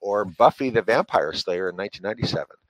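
Low-voiced man giving earnest parenting advice. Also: lively intonation, fast talker, no echo, poor audio. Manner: earnest, instructive, with frequent uh fillers. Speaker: parenting author and speaker. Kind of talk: interview answers giving advice.

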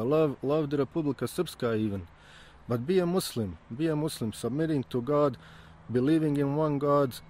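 A man explaining things casually as a local guide, a little haltingly, repeating words. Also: mid-range voice, mellow. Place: outdoors in a town street. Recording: faint outdoor street and traffic noise.

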